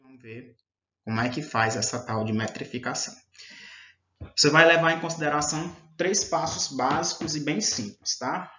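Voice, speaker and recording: A man's voice: mid-range voice, a bit bright. A male teacher, giving a patient slide lecture and checking in with his students often. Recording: echoey room, dull lo-fi sound.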